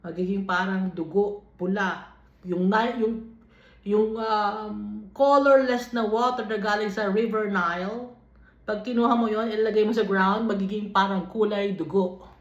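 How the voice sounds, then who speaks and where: A woman with a Filipino accent leading a Bible study, reading verses aloud and then explaining them in an unhurried way, switching between English and Tagalog. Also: mid-range voice, steady tone. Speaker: Bible teacher. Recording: dull, lo-fi recording in an echoey room.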